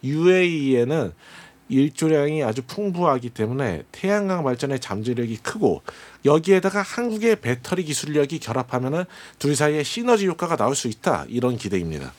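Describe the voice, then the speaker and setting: A man presenting and explaining a film in a measured, polite, scripted way to a host. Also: fairly high pitch, sing-song.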